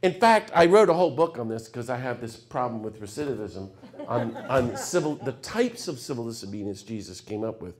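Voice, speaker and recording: A middle-aged man giving a public lecture, telling stories with sudden swings from hushed asides to loud, fired-up passages. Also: mid-range voice, very animated, fairly quick, a crowd in the background. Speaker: speaker.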